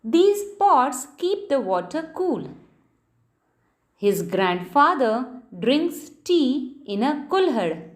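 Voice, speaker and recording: A woman teacher, reading a lesson to children in a slow, clear, sing-song manner. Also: sits high.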